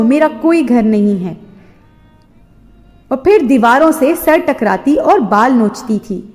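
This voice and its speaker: A woman telling a sorrowful first-person story in an earnest, steady narration. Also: high voice. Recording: long hall-like reverb.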